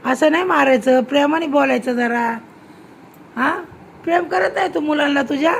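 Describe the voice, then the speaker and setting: A woman's voice: high voice, moderate pace, vocal fry, slight background noise. A woman filming a home vlog, chatting casually and scolding with teasing questions. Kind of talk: casual home video chat.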